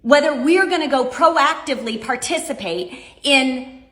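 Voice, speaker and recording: Woman commentator, a bit high-pitched, exasperated and run-on, recorded in a roomy space. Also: unhurried, a bit bright. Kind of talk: casual political commentary. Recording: roomy echo.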